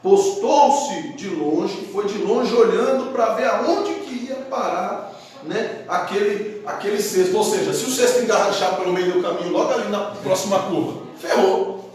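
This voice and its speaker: High-voiced pastor in an echoey hall. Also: male voice, normal speed, far from the mic. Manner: lively, colloquial, acts out characters. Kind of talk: teaching sermon, storytelling.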